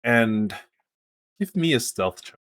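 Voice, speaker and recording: A man's voice: medium pitch, big pitch swings, slow, a bit bright. Casual man game master. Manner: casual, filler-heavy descriptions. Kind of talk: narrating a tabletop game.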